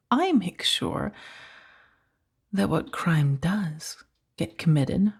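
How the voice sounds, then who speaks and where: Heavily acted, this soft-spoken ASMR roleplay features a woman as a domineering, condescending mafia boss. In a lowish, breathy, husky voice that edges into whispers, she taunts with mock sweetness.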